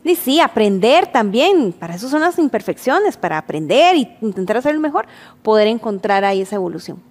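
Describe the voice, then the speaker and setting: A woman's voice: on the high side, sing-song, brisk. A woman co-hosting a TV magazine show, reflective and friendly. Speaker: TV co-host.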